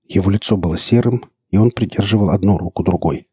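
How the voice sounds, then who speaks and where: A man narrates a novel in an even, measured way. His voice is very low and dark, with a husky grain. The recording is dry and close. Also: no room sound. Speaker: audiobook narrator. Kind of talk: scripted narration.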